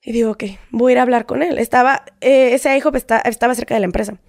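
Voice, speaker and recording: A woman with a Mexican accent tells a personal story in an animated way, often throwing in tag questions. Her voice sits high. The sound is dry and close, with no room echo. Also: quick pace, vocal fry. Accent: Mexican Spanish. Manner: animated, acts out quoted exchanges, frequent tag questions. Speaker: guest telling a personal story. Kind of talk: casual conversational storytelling.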